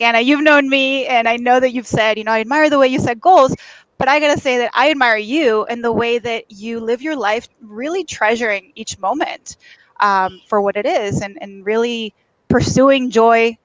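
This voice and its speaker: A woman from Mexico hosts a conversational livestream as a life coach. Her voice sits a little high, and the sound is very dry, with almost no room to it. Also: a bit bright, no echo, low-quality recording. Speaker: host, life and career coach. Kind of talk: conversational livestream monologue and interview. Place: at a beach.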